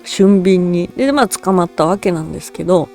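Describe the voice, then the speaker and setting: A woman telling a true story as a virtual cat-spirit storyteller, in a relaxed, rambling way with frequent chuckles and fillers. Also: on the low side, a little fast, faint music behind. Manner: rambling, casual, chuckles often, many fillers.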